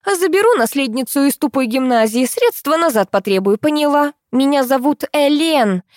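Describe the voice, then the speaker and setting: A woman voicing a shrill, crude, demanding rich mother in an audiobook. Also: normal speed, darkish tone, no echo, studio quality, lightly acted. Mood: ranting. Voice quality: shrill, shrieking. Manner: crude, bossy, indignant. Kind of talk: audiobook reading.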